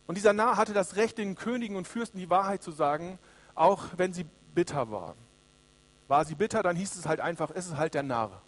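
A man's voice: high-pitched, animated, a little fast. A man preaching a sermon, speaking earnestly and addressing the congregation directly.

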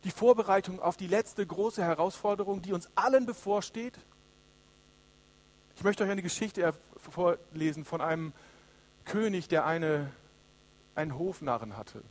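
High-voiced earnest male preacher. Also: normal speed, pauses often. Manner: earnest, addresses congregation directly. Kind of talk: sermon.

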